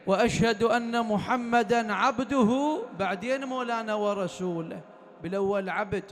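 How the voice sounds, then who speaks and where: A man's voice: very high-pitched, fairly bright tone, a little hiss or hum. A man with an Iraqi accent preaching at a mourning gathering, telling stories and asking the listeners rhetorical questions. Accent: Iraqi Arabic. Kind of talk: sermon. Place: mourning gathering in a private home. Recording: long hall-like reverb.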